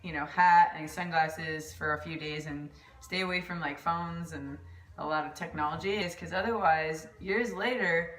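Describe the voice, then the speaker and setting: Woman vlogger, rambling casual chat, lowish voice, mild concussion, roomy and off-mic. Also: normal speed, fairly bright tone, recorded from a distance. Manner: rambling, chatty, laughs often. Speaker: volleyball coach vlogger. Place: at home, kitchen pantry. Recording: echoey room, off-mic.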